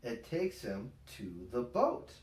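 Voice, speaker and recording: In a small room at home, a father plays storytime host, reading a picture book to young children at a very slow, deliberate pace. He keeps his words simple and his pitch expressive and lively. The home-camera sound is roomy, and he seems a bit far from the mic.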